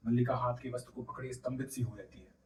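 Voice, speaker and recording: A man reading a play aloud, narrating its stage directions in a steady, even way. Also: mid-range voice, fast, slight background noise. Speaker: reader. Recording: roomy, distant from mic.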